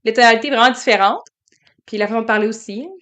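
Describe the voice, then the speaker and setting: A woman's voice: a little high, fairly even intonation, fast talker, a bit bright. A young woman from Quebec with a Québécois French accent, co-hosting a podcast and telling stories in an enthusiastic casual chat. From Quebec, Canada. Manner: chatty, enthusiastic storyteller. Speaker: podcast co-host.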